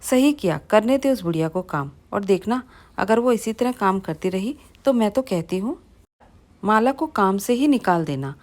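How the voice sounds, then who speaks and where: A woman's voice: mid-range voice, lively intonation, normal speed, a little mellow, close to an everyday voice. A woman voicing a spiteful, mocking middle-aged mother in a family storybook tale. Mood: gloating. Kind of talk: storybook reading.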